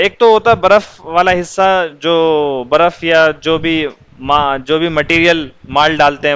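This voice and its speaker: High, smooth-voiced male teacher. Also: fairly bright tone, poor audio. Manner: patient, asks questions and answers them himself. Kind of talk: explaining English words to children.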